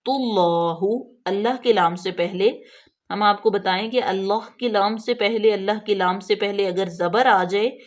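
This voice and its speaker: A woman teaching correct prayer recitation, explaining each letter patiently and drawing out the words she demonstrates. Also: mid-range voice. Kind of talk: tajweed lesson, slow drawn-out recitation of examples.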